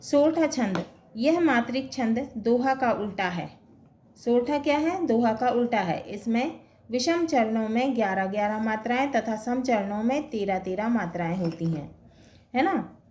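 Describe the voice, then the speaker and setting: A woman teacher with a fairly high voice takes her lesson very slowly. She counts syllables out loud, one after another, and keeps pausing to check that her class is following. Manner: slow, steady counting aloud with repeated checks. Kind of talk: Hindi grammar lesson.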